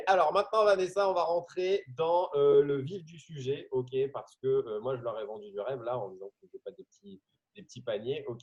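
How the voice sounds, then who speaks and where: A man's voice: mid-range voice, darkish tone, dull audio. A man hosting a training session on a video call, talking casually with many hesitations and jokes. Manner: hesitant, many fillers, jokey. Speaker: host.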